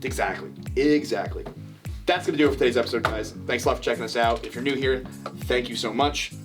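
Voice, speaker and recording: A man's voice: mid-range voice, fast, over music. A man in his thirties co-hosting a casual podcast, laid-back, swearing freely, crude jokes. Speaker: podcast co-host. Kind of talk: casual chat.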